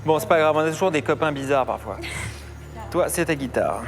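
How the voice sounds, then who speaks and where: A man's voice: a little high, expressive, fairly quick, soft background music. Joking, irreverent man judge. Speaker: talent show judge. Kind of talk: judge's critique. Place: audition room.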